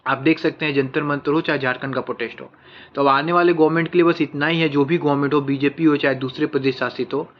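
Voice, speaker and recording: A man's voice: a little high, fairly even intonation, fast, highs cut off. A man giving casual, earnest news commentary, speaking straight to his viewers as friends.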